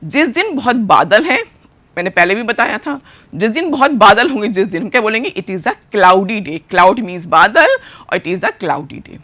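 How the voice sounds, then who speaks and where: A woman with an Indian accent teaching a primary school class, explaining words slowly and spelling them out letter by letter. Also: medium pitch, very animated, pushed and bright. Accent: Indian English. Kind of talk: bilingual classroom lesson.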